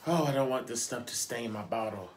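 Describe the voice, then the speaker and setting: A man's voice: mid-range voice, a little fast, noisy background. An American man in his thirties with his mouth burning from spicy food, in pain and sighing, talking casually and dramatically to camera and repeating himself in exasperation. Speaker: mukbang vlogger. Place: small room indoors at home.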